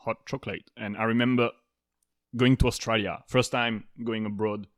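A man's voice: on the low side, fairly even intonation, normal speed. Laid-back man from France chatting. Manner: laid-back, swears when acting out his shock. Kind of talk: casual chat.

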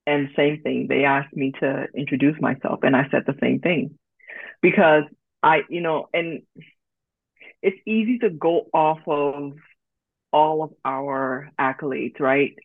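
Calm woman guest on a tinny line. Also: sits low, a little slow, gravelly, dry recording. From Liberia. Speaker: podcast guest. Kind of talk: casual podcast chat. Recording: tinny phone-like line, dry.

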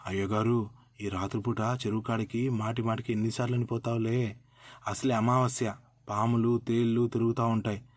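A man's voice: mid-range voice, little pitch movement, normal speed, no echo, voice pushed down, natural voice. A man voicing a crafty village servant. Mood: sly, persuasive.

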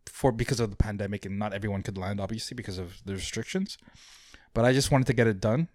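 A man's voice: on the low side, quick pace, a little mellow, dry recording, clean studio sound. A young man from Mauritius, raised in Saudi Arabia, chatting as an interview guest, with lots of fillers and restarts. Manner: hesitant, many fillers and restarts, chuckles easily. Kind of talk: casual interview chat.

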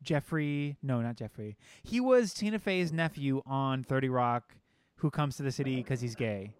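A man's voice: mid-range voice, animated, normal speed, smooth, no echo, clean studio sound. A man co-hosting a podcast, chatting casually and rambling with lots of fillers and swearing. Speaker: podcast co-host. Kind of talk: casual chat.

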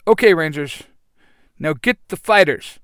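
A man voicing a bold young male hero who leads the team and shouts battle calls. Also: fairly high pitch, animated, unhurried, clear, resonant tone, no room sound, studio quality. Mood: determined.

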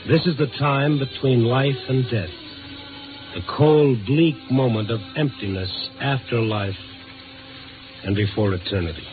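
The male lead of a 1950s radio noir narrates as a hard-bitten, sarcastic reporter looking back on his nighttime investigations, speaking curtly and dryly in a brooding way. His medium-pitched voice is measured and close to everyday speech, heard on a tinny old recording with background music.

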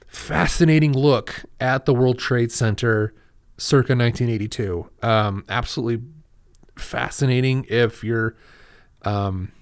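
Rambling man recapping a movie. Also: medium pitch. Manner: rambling, many restarts and fillers, enthusiastic. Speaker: podcast host. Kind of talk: casual film recap.

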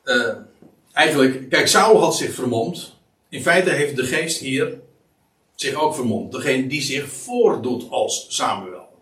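Man, Bible teacher, hesitant with fillers, slow, lively pitch, echoey room. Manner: hesitant, many fillers and restarts. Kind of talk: explanatory Bible study talk. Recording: echoey room, distant mic.

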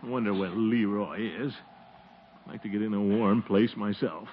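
An actor playing a pompous, easily flustered middle-aged uncle and town official, blustering and chuckling in 1940s radio comedy style. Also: male voice, fairly low pitch, steady tone, moderate pace, natural voice. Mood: muttering. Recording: dull, hissy old radio recording.

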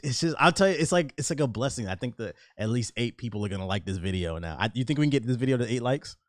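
A man's voice: mid-range voice, animated, fast talker, no room sound, studio quality. A young man hosting a podcast from his new apartment, casual, joking and a bit boastful. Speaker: podcast host. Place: new apartment in Los Angeles.

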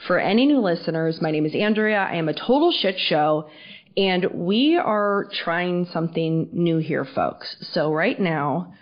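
A woman's voice: fairly low pitch, animated, measured pace. A woman talks casually and frankly as a solo podcast host, swearing freely, her voice muffled as if underwater. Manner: frank, informal, profane. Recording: muffled, underwater-sounding, band-limited audio.

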